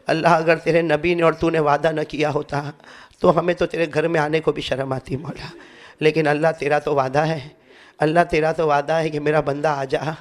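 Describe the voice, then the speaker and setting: A man's voice: fairly high pitch, little pitch movement. A man leading an emotional supplication in a mosque, pleading and repeating the same refrains again and again. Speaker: prayer leader.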